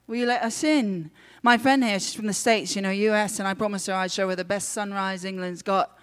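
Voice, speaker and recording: A woman's voice: mid-range voice, fairly even intonation, clean tone, big-room sound, lightly acted. A woman doing a cheeky young guy. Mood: playful. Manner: quick, teasing, chummy. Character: cheeky young British man, teasing and reassuring.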